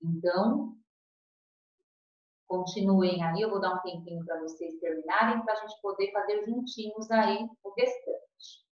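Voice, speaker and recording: A woman's voice: mid-range voice, measured pace. A Brazilian Portuguese-speaking woman teacher giving a recorded lesson to children, patient and encouraging, stretching syllables to show stress. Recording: distant, muffled and very echoey.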